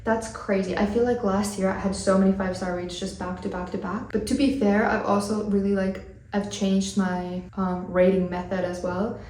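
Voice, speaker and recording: This low-quality recording, captured far from the mic in an echoey room, features a Finnish vlogger in her twenties chatting and rambling with fillers during a get-ready-with-me makeup session. She speaks at normal speed with few pauses, in a flat, slightly mellow mid-range voice.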